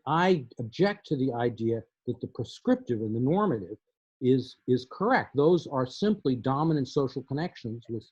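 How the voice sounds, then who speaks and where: Halting older man, muffled call audio. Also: medium pitch, darkish tone, slightly rough, dry recording. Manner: thoughtful, halting, many restarts and repeated words. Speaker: poet in conversation. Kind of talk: conversational interview. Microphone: video call.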